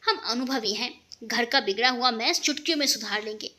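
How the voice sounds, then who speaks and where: A woman's voice: fairly high pitch, a little fast, pushed and bright, voice pushed down. A woman voicing a middle-aged male chemistry teacher who teases and gossips. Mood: musing. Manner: teasing, chuckling.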